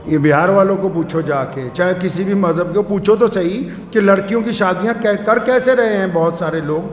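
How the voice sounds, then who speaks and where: A man preaching an emotional sermon with a Punjabi-inflected Urdu accent, impassioned and rising to shouts of rebuke. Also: high voice, normal speed, faint music behind. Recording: echoey hall reverb.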